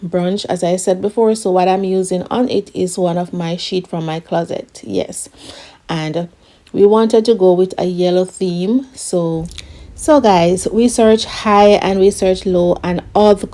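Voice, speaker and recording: A woman's voice: medium pitch, warm tone. A woman hosting her own home vlog, chatting casually to camera and calling her viewers "guys". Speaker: vlogger hosting her channel. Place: at home, setting up a brunch.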